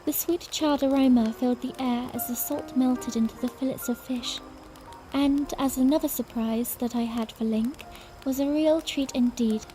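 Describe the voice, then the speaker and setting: A woman playing a young princess in a fanmade audiodrama, narrating in the first person in a soft, earnest, unhurried storybook way. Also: high voice, steady tone, soft background music, close to an everyday voice, low-quality recording. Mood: warm, wistful.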